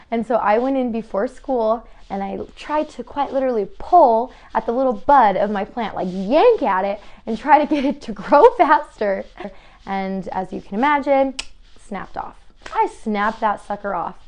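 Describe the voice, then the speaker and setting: Casting note: young woman, bubbly and chatty, casual home vlogger, warm faith talk. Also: mid-range voice. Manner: bubbly and chatty, with frequent "like" and laughs. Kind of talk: casual faith-based vlog chat. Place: new family home.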